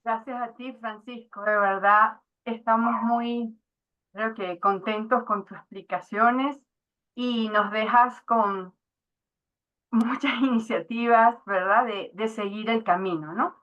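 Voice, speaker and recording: A woman moderating an online panel, thanking the speaker with hesitant, drawn-out phrasing. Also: a little high, steady tone. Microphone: video call. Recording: dull lo-fi video call audio.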